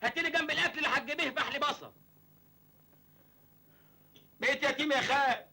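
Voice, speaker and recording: A cheeky hungry village lad. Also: male voice, very high voice, sharp tone, heavily acted. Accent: Egyptian. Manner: cheeky, joking, fast-talking. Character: naive hungry young village man, cheeky. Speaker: comic lead in an old film.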